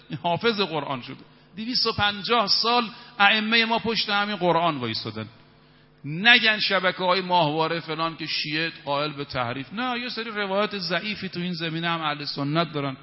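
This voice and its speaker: Fervent middle-aged male preacher in a hall. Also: a little high. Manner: emphatic, recites verses in Arabic. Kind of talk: evening religious sermon. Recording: reverberant, dull hall sound.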